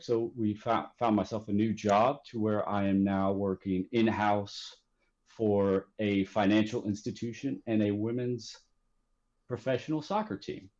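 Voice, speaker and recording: Guest spot: low-pitched man, easygoing and self-deprecating, lo-fi muffled recording. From Texas. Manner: relaxed, self-deprecating, filler-heavy storytelling. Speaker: podcast guest, graphic designer. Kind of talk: casual chat. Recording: dull lo-fi sound.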